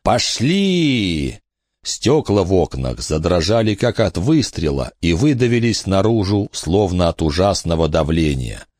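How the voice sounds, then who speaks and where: A man narrates a story in a very deep, low voice. His delivery is expressive and dramatic, rising and falling widely. The recording is dry and close, with no room around it. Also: normal speed, few pauses, dry recording. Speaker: audiobook narrator. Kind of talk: scripted narration.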